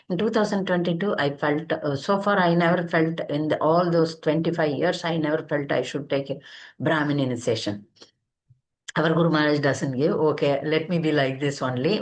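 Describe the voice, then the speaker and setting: Lower-pitched South Indian-accented woman. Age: middle-aged. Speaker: senior devotee and preacher. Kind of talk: informal spoken testimony.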